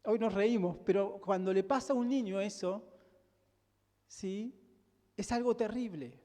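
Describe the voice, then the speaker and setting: A male pastor with a Rioplatense Spanish accent preaches a sermon, emphatic and full of rhetorical questions for the congregation. His voice sits high and is mellow and unhurried. The recording has a long hall reverb.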